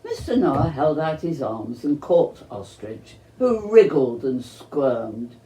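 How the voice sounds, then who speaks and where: Storybook narrator: mellow, slow delivery, scripted reading, echoey room. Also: mid-range voice, big pitch swings. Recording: roomy, echoing sound.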